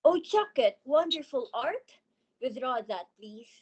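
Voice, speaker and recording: A touchy, grumbling stage actor, played by a woman in a play reading. The voice is high and breathy, with a huffy edge. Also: animated, brisk, warm tone, dry recording, muffled recording. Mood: huffy, sardonic.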